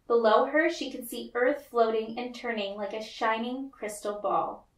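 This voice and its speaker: A woman reading a picture book aloud to children, with deliberate, expressive storytelling narration. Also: fairly high pitch. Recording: roomy, echoey, distant mic.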